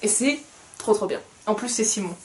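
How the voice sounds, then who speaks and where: A woman's voice: medium pitch, lively intonation, moderate pace, a little hiss or hum. A young woman co-hosting a casual book review, hesitant with many fillers and wry asides.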